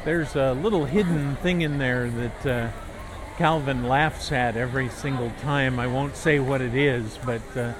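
A man hosting a casual walk-around chat outdoors, rambling in a halting way. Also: medium pitch. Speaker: podcast host. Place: outdoors walking through a busy theme park. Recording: outdoor park noise and crowd.

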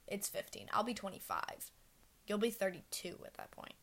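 A woman's voice: mid-range voice, very animated, normal speed, creaky, fairly bright tone. A woman of about eighteen chatting as a guest with her friend, teasing and blunt, laughing a lot, on a tabletop podcast mic. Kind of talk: casual chat.

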